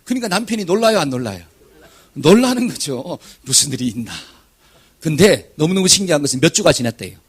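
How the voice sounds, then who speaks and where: A man, a pastor, preaching a sermon in story form, acting out the prayers of the people in it and swinging from hushed asides to loud exclamations. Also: on the high side, lively intonation, fast, husky.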